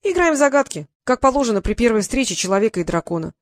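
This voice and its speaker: A woman's voice: on the high side, very animated, fast, dry recording, studio quality, pitched above the performer's own voice. A woman doing a boastful riddling dragon. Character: boastful, pedantic male dragon who loves riddles.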